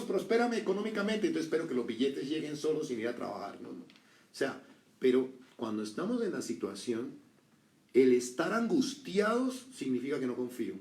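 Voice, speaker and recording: A man's voice: medium pitch, darkish tone. A middle-aged man preaching a sermon in a casual, conversational way, full of rhetorical questions and little acted-out quotes. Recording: echoey room, voice from a distance.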